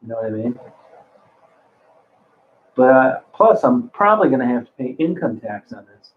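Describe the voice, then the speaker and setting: Very animated at a moderate pace, this mid-range-voiced man in his sixties reads livestream chat, rambling casually, cursing often, and frequently starting his sentences over. The sound is thin and phone-like.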